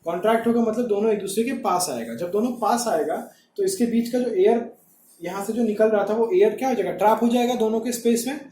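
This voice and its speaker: A man's voice: sits high, fast, dark tone, slight background noise. A male teacher giving a classroom lecture, repeating key points and checking understanding with rhetorical questions. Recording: echoey room.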